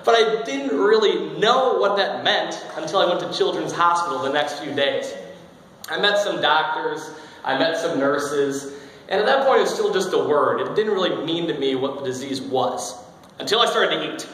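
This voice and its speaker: A man's voice: on the high side, lively intonation, normal speed, a bit bright. A man in his twenties telling a humorous personal speech, joking and self-deprecating. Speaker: speaker giving a speech. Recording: very echoey hall, faint noise.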